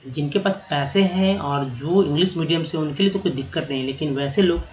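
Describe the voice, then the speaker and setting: A man teaching vocabulary, spelling words out letter by letter, repeating them slowly and calling his viewers friends. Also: on the high side, lo-fi sound. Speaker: English teacher. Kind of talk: vocabulary lesson.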